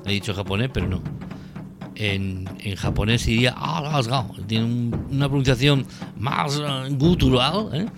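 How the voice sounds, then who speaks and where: A man's voice: medium pitch, normal speed, gravelly. Spanish man hosting a spoof lesson. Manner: mock-teacherly, punning, crude asides. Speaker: host of a spoof language course. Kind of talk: comedic parody lesson. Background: music.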